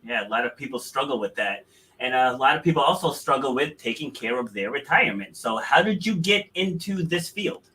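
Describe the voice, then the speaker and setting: A man's voice: medium pitch, lively intonation, a little fast, sharp tone. A man hosting a podcast, chatty and casual, often correcting himself and laughing at his own slips. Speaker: podcast host. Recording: distant from the mic.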